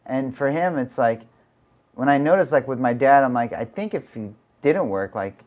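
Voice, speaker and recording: A man's voice: medium pitch, expressive, moderate pace, a little mellow. Guy hosting a podcast, chill, long rambly questions, says like a lot. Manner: casual, asks long rambling questions with many "like"s. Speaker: podcast host. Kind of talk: casual podcast interview.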